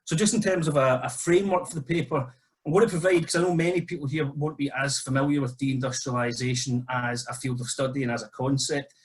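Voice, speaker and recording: A man's voice: mid-range voice, quick pace. Man presenting an academic seminar paper. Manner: relaxed, conversational, with restarts.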